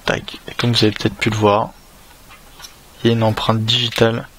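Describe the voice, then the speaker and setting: A man's voice: lowish voice, a little fast, husky. A man with a French accent giving a casual unboxing commentary, hesitant and full of fillers and restarts. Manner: casual, relaxed. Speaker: tech reviewer.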